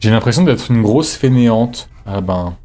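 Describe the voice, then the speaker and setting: A man streaming a game live, thinking aloud in a relaxed, reflective way as he chats with his viewers. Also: lowish voice, moderate pace, slight background noise. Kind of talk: live gameplay commentary, chatting with viewers.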